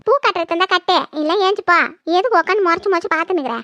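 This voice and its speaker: A performer playing a sharp-tongued older village mother-in-law who nags and scolds her daughter-in-law in a comedy skit. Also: racing, no echo, lo-fi sound. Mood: nagging. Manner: nagging, shrill scolding.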